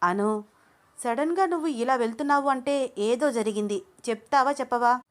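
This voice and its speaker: A woman's voice: fairly high pitch, normal speed, pitched above the performer's own voice, natural voice. A woman voicing Junnu, a caring young friend who anxiously presses with questions. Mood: worried.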